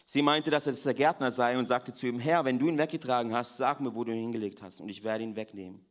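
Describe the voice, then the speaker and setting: A man's voice: mid-range voice, fairly even intonation, quick pace. A man preaching a sermon, dropping to near-whispers and rising to fervent, raised appeals, repeating key phrases for weight. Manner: dramatic swings between hushed and raised voice, repeats phrases.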